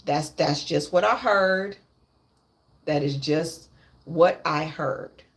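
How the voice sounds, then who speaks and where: On a candid livestream, a woman in her late thirties speaks bluntly and with profanity, hammering her points home through repetition. Her voice is low-pitched and her pace slow.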